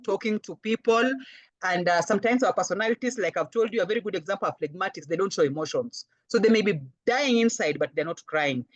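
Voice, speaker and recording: A woman with a Kenyan accent giving a lively counseling talk, acting out little voices when she quotes people. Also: mid-range voice, no echo, dull audio. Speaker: guest speaker, counselor. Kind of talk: lecture-style talk.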